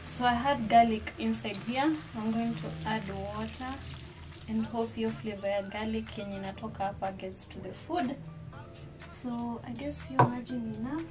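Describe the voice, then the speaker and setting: A woman's voice: a little high, fairly even intonation, moderate pace. Chatty Kenyan woman cooking at home. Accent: Kenyan English. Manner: chatty, mixes in Swahili words. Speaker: cooking vlogger. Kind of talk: casual cooking narration. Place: home kitchen. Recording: loud background music.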